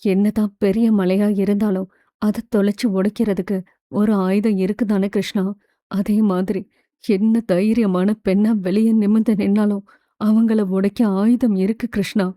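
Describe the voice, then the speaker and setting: A woman's voice: mid-range voice, little pitch movement, moderate pace, dry recording, clean studio sound, voice pushed down, natural voice. A woman voicing a hurt, tender older sister. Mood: sorrowful. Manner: quiet, reflective, affectionate.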